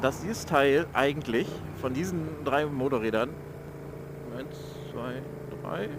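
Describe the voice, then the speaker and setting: A man's voice: mid-range voice, takes it slowly. A young man speaking from inside a motorcycle helmet, giving loose, slangy vlog commentary while riding and often searching for words. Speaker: motovlogger reviewing his motorcycle. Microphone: mic inside motorcycle helmet. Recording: helmet mic with engine and road noise. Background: motorcycle engine and outdoor traffic noise.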